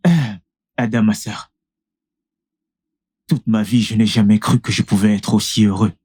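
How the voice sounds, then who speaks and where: A man's voice: fairly low pitch, flat delivery, moderate pace, a little mellow, breathy edge. An actor playing a humble young man newly crowned king in a dubbed film, speaking earnestly. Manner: earnest, heartfelt.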